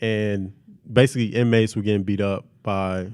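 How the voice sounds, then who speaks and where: A man's voice: lowish voice, steady tone, normal speed, a little mellow, smooth, no echo. A man hosting a podcast in casual chat, telling things in a playful, slangy, hammy way. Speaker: podcast host.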